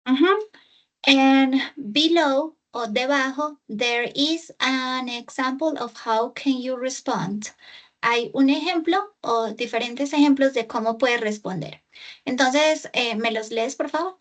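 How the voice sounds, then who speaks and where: A woman tutoring English over a video call, explaining patiently and stretching out English words slowly. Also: high voice. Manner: patient, slow and exaggerated English pronunciation, explaining in Spanish. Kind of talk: online tutoring session.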